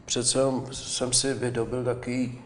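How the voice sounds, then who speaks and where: An older man, a guest in an interview, talking in a chatty, animated way with frequent hesitations. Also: medium pitch, roomy sound, slight background noise. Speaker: film director, guest. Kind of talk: interview conversation.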